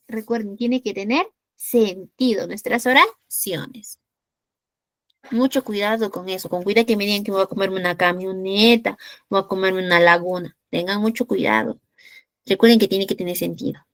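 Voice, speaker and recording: A woman's voice: fairly high pitch, fairly bright tone, no echo. A woman from Peru teaching an online English class, patiently checking in with the students and asking rhetorical questions.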